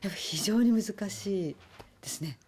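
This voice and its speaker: Soft-spoken woman, mellow and slightly husky, speaking thoughtfully as an interviewed actress. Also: medium pitch, moderate pace. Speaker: actress interviewed about her film. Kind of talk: casual interview answers.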